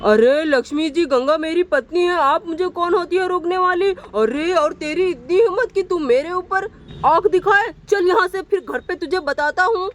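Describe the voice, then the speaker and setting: A woman's voice: normal speed, slight background noise. A woman voicing an abusive, hot-tempered village husband in a doll story, threatening and blustering. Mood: menacing. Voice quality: high-pitched woman's voice.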